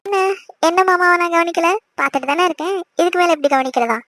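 A woman's voice: very high-pitched, fast, fairly bright tone. A woman voicing a shy, playful young newlywed wife who speaks coyly and affectionately. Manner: coy, affectionate, sweetly protesting. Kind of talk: cartoon voice acting.

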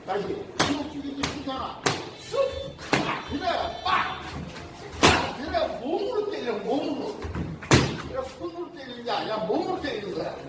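A man's voice: extremely high pitch, sing-song, moderate pace. A man coaching boxing pad work, calling out short commands and punch sounds. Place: large indoor boxing gym. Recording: echoey hall from far off, loud noise.

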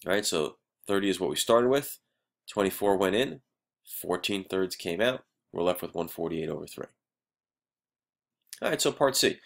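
A man with a very low voice records a math lesson for his class while feeling under the weather. He walks through each step patiently and keeps checking in with "right?". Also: vocal fry. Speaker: teacher.

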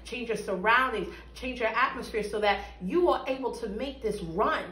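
Soft music plays behind a woman whose voice is on the high side, a bit bright, and moderately paced. Seated in a small, bare-walled room, she gives an earnest, emphatic church testimony in an interview, recorded echoey from a distance.

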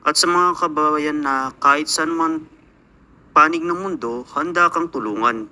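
A man's voice: on the high side, unhurried, pushed and bright. A young Filipino man, an overseas worker, telling his life story in a reflective, earnest voice-over. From Philippines.

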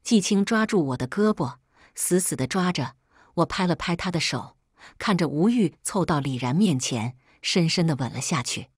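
In a calm, measured manner, a woman reads a first-person story aloud. Her slightly low voice has a breathy, husky texture, and the recording is close and dry, with no sense of a room around her.

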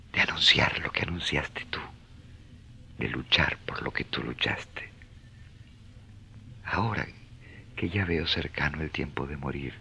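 An actor playing an ailing, humble and fervent friar with a gravelly voice in a radio serial. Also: male voice, very deep voice, pushed and bright, slight background noise, full character voice.

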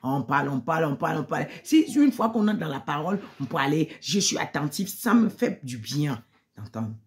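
A woman's voice: sits low, big pitch swings, fairly quick. A woman giving an emotional spoken testimony in church, repeating phrases and sometimes dropping to a near-whisper.

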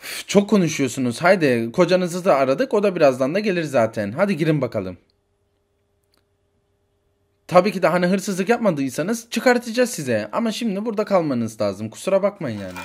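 Man doing a brusque toy-story policeman, bossy, curt orders, lively delivery. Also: a little high, brisk. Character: stern male police officer, brusque. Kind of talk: toy figure story role-play.

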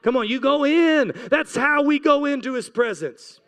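A man in his forties, a pastor, preaches on a church stage indoors, holding a handheld mic close to his mouth. His voice is very high-pitched, expressive and a bit bright, moving at a normal speed. He reads scripture and exhorts his listeners with impassioned, repeated urging.

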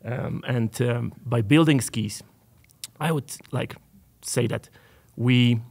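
Slow, halting man with a Polish accent. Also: medium pitch, vocal fry, darkish tone. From Poland. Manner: halting, searching for words, with many fillers. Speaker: panel guest, ski maker. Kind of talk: panel talk. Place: stage before a live audience.

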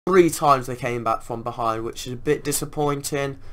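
A man's voice: mid-range voice, moderate pace, a bit bright. A man giving casual commentary on a video game as he plays. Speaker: gaming video creator.

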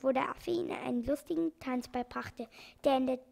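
Woman narrator for a children's audiobook, high voice, bit of fry. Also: brisk, darkish tone. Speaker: audiobook reader.

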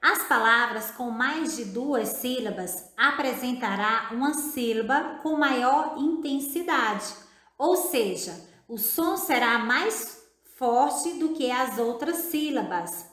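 A Brazilian woman teacher with a Brazilian Portuguese accent, giving a recorded video lesson for children, speaking slowly and deliberately, spelling out syllables and often addressing the child directly. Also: a little high, animated, a bit bright. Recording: echoey room.

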